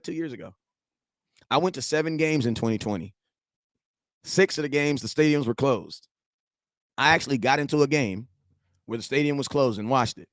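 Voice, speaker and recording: A man, reading and answering viewer chat in a slangy, animated sports rant. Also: mid-range voice, no echo, studio quality. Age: 40s. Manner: animated, slangy trash talk, shouts at chat. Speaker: sports fan streamer.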